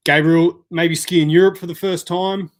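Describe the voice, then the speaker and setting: A man's voice: high-pitched, fairly even intonation, moderate pace. A man hosting a casual live stream, chatting and answering viewer comments by name. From Australia.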